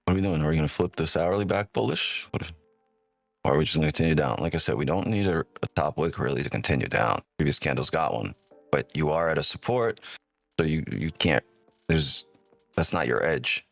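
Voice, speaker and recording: A man with a deep whiskey voice giving casual live-stream commentary, thinking aloud and often checking in with "right?", on a close microphone. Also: animated, a little fast, creaky, a bit bright, no room sound, soft background music. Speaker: live trading streamer, host.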